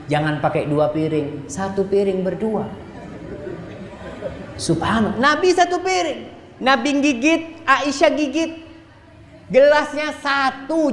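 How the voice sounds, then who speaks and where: A man preaching to a congregation in a lively, joking way, sometimes quoting Arabic phrases slowly. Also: high voice, a little hiss or hum. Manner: lively, joking, acts out spouses' voices. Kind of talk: sermon to a congregation. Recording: echoey hall with long reverb.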